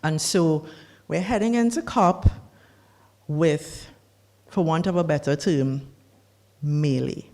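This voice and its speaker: A policy speaker lays out a formal climate briefing at a slow, unhurried pace. The delivery is measured and deliberate, and the voice sits at an ordinary middle pitch. Now and then a dry aside slips in. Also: darkish tone.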